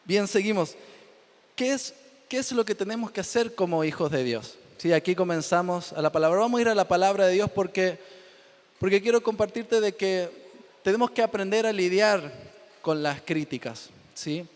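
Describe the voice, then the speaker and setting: Chilean-born pastor preaching, high voice, lots of joking and laughing, long church reverb. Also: male voice, normal speed. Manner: joking, laughs often, repeats himself for emphasis. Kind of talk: humorous sermon. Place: church pulpit.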